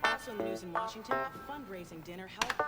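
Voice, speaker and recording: A man's voice: high voice, fast talker, creaky. Distant, echoey TV newscaster played by a man. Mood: earnest. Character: earnest television newscaster reading the day's news. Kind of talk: TV news reading. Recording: distant, reverberant TV sound under music.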